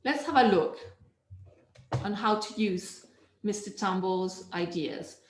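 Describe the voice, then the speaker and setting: Brief: woman trainer, unhurried delivery, roomy echo on a webinar call, lively and demonstrative. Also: mid-range voice, slight background noise. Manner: lively, demonstrative, sings and hums examples. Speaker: teacher trainer. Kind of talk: online teaching webinar.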